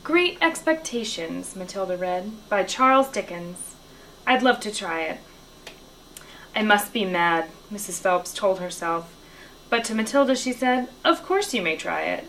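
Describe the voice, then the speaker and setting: A woman reading a children's novel aloud, telling the story in a lively way and raising her voice for the characters' lines. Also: unhurried, a little hiss or hum, low-quality recording. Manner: lively storytelling, lifting her pitch for dialogue. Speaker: reader.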